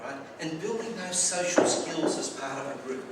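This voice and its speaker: A slightly high, expressive voice carries this Australian club speaker's prepared talk at a moderate pace. He shares personal stories with dry wit, now and then stumbling and repeating himself. Recorded from afar in a very echoey space, with noticeable background noise.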